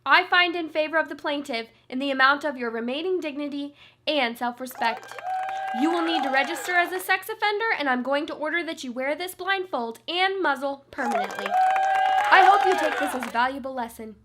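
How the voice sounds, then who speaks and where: A woman's voice: high voice, lively intonation, brisk, heavy background noise. A woman playing a self-righteous daytime TV judge in a comedy radio sketch, stern and scolding. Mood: pompous. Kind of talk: comic radio sketch acting.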